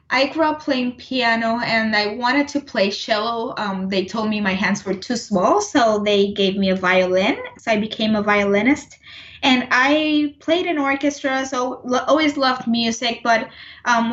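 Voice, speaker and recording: A woman's voice: on the high side, a little slow, a bit bright, muffled recording. Woman from Puerto Rico in an echoey room. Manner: thoughtful, many restarts and fillers. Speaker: composer, interview guest. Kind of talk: casual interview conversation.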